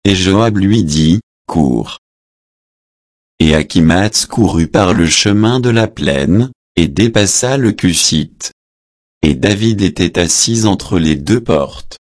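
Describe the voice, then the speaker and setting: A man reading scripture aloud in a measured, solemn way, announcing verse numbers and adding short translation notes. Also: sits low, animated, no room sound, clean studio sound. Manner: adds short translation notes between passages.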